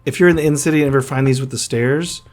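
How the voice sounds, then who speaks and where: A man at an ordinary mid pitch, chatting his way through a game run in a relaxed, offhand manner. He often drops to a hushed, near-whispered voice while sneaking. Faint background music plays under the voice. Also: quick pace. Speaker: gaming YouTuber. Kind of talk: casual gameplay commentary and narration.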